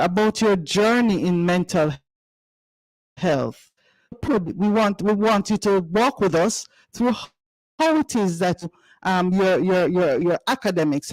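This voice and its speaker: A man's voice: sits high, no echo, rough recording. A male radio host interviewing a guest, stumbling and repeating words as he asks questions.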